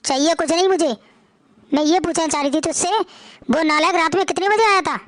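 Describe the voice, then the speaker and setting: A woman's voice: very high voice, fairly quick, no echo. A woman voicing a stern, reproachful older mother-in-law who keeps prying.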